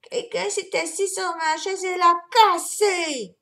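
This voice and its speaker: Woman doing a squeaky, whining baby bear. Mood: whiny. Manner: high, slow, whimpering and stammering. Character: small whiny baby bear cub.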